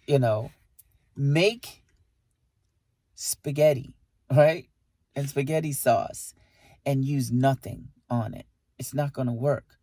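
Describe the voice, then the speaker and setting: A man's voice: medium pitch, slow, pauses often, no echo, studio quality. Emphatic man lecturing on relationships. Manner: emphatic, animated lecturing with rhetorical questions. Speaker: podcast co-host. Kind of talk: casual relationship talk.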